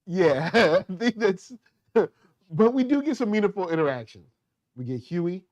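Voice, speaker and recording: A man with a slightly high voice talks in a loose, animated way, laughing often and slipping into quick impressions of characters. The sound is dry and close, with no room around it. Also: no room sound, muffled recording. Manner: animated, laughing, acts out quotes. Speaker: podcast host. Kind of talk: casual chat reviewing a TV episode.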